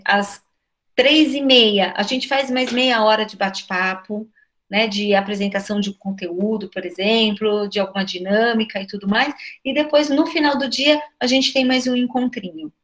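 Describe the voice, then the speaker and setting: A woman with a Brazilian accent and a slightly high voice speaks in a relaxed, conversational way. She keeps firing off rhetorical questions and tags them with little checks for agreement. It sounds like a school director on a video call with fellow educators. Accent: Brazilian Portuguese. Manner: lively, asks many rhetorical questions, frequent "né?".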